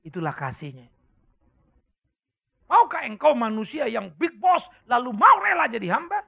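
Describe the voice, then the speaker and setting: A man preaching a sermon, asking the congregation questions and breaking into sudden loud cries. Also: extremely high pitch, wildly swooping pitch, moderate pace, gravelly, husky. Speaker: pastor. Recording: tinny phone-like lo-fi sermon recording.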